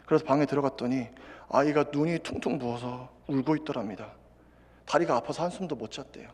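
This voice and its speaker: A male pastor preaching a sermon, moving from quiet storytelling to loud, impassioned exhortation. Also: medium pitch, brisk. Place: large church sanctuary. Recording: long hall reverb.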